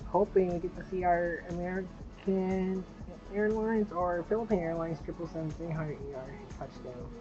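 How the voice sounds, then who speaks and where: Female vlogger, deep-pitched, casual running plane-spotting commentary, muffled recording with clear background music. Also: normal speed. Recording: dull lo-fi audio, music behind.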